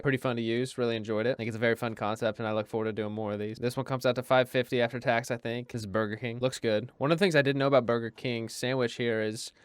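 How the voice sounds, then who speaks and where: Quick, chatty young man reviewing food. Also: mid-range voice, clear, resonant tone, no echo, studio quality. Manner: self-deprecating, chatty, rambling with restarts. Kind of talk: casual voice-over commentary.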